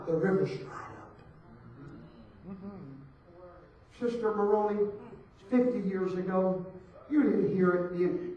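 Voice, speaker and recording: High-pitched preacher in an echoing church. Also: male voice, dull audio. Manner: swings from hushed to shouting, rhythmic repetition. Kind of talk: fiery church sermon. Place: church sanctuary. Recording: echoey hall, preacher far from the mic.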